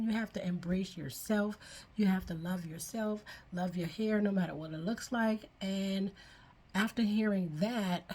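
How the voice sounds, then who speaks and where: A woman's voice: mid-range voice, darkish tone, breathy edge. An older woman talking casually to her camera in a personal vlog, chatty and earnest, often acting out what she thought back then. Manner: chatty and earnest, retells her own past thoughts aloud. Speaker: vlogger.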